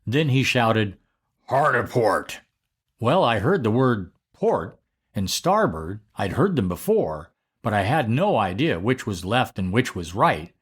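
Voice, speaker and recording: Older man telling a slow story. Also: on the low side, husky. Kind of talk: scripted story narration.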